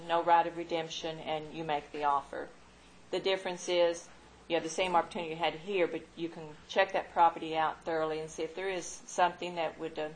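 Even-toned woman auctioneer calling bids. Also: on the low side, poor audio. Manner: procedural, reads numbers out digit by digit. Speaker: auctioneer at a property tax sale. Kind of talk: live auction calling, reading out lot numbers and bids. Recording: live room recording with background noise.

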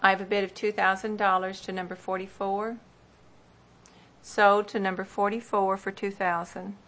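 A woman's voice: mid-range voice, level tone, moderate pace, a bit bright. A woman auctioneer formally reading out parcel numbers and bids at a tax sale in a plain, procedural way.

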